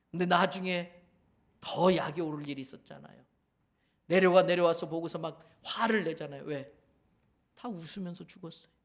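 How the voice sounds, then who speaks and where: Man, pastor, high voice, emphatic sermon, repeats key phrases, church. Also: a bit bright. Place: church sanctuary.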